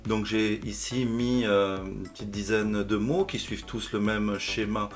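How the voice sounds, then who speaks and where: A male language teacher calmly explaining a software tutorial step by step. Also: lowish voice, measured pace, faint music behind. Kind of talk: screencast tutorial narration.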